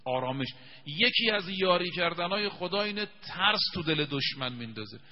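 A man preaching a televised religious sermon, telling stories with emphasis and slowing down to recite scripture. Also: sits high, lively intonation. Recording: dull lo-fi sound with long reverb.

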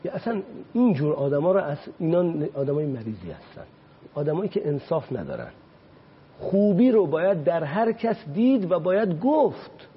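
A man preaches as a religious guest on a talk show with a husky, somewhat high voice. He climbs sharply when he drives a point home and slows right down to recite Arabic lines. The sound is dull and muffled, like an old broadcast. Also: very animated. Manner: impassioned, rises sharply on points; recites Arabic quotations slowly.

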